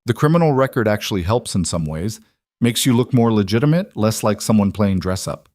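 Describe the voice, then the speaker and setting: Man doing a cool, dry-witted mob boss, calm and low. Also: brisk, no echo, natural voice.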